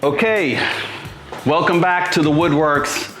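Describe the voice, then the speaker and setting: Slow and a little high-pitched with a fairly bright tone, this middle-aged Boston man hosts a cooking show in his home kitchen. He chats informally and thinks aloud through the casual demo, with music behind him and a roomy echo.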